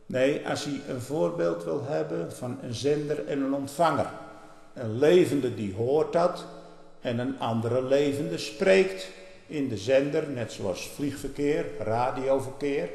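Fiery preacher in an echoey hall. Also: male voice, gravelly. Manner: fiery, swings from low murmurs to loud outbursts. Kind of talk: fiery sermon.

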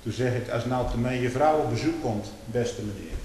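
An older man preaching a fiery sermon, swinging from hushed storytelling to loud, slow denunciation. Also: mid-range voice, slight background noise. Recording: echoey hall with long reverb.

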